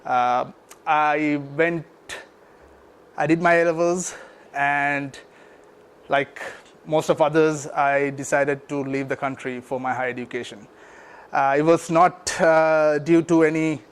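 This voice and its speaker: A man in his thirties from Sri Lanka with a Sri Lankan English accent, giving a talk about his nonprofit with many pauses and restarts. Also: a little high, smooth. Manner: halting, many fillers and restarts. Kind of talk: speech to an audience.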